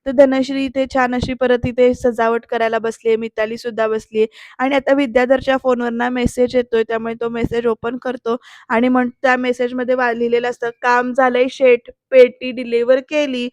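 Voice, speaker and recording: A woman's voice: a little high, little pitch movement, brisk, a little mellow, dry recording. A woman narrating a casual voice-over recap of a TV serial, chatting directly to her viewers.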